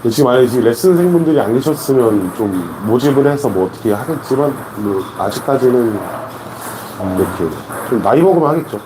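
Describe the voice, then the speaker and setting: A man's voice: mid-range voice, lively intonation, brisk. A man in his thirties, a table tennis coach chatting on a live stream, laid-back and repeating short phrases. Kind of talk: casual live-stream chat. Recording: noisy live-stream audio.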